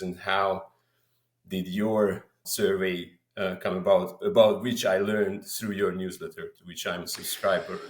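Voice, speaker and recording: A man with a deep voice asks a long, careful question as host of an interview. His voice carries an echoey room sound. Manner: slow, careful, wordy questions. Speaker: podcast host.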